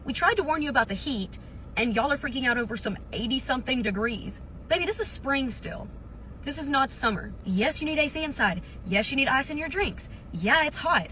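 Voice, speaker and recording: Sassy fast-talking woman. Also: sits high, animated, sharp tone, lo-fi sound, a little hiss or hum. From United States. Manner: sassy, exasperated. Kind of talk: casual rant to camera.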